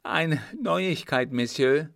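A man's voice: mid-range voice, measured pace, a bit bright, no room sound, clean studio sound. A man voicing a young officer who bursts in with urgent news, speaking formally. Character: young male officer, breathless messenger.

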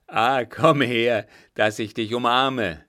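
A man voicing a brutal old male vagabond who jeers loudly at his enemy, read as a storybook villain. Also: lowish voice, little pitch movement, slow. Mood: gloating. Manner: loud, jeering.

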